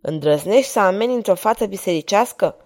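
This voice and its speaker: A woman's voice: mid-range voice, lively intonation, darkish tone. A woman voicing a spiteful, scornful male monk. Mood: venomous.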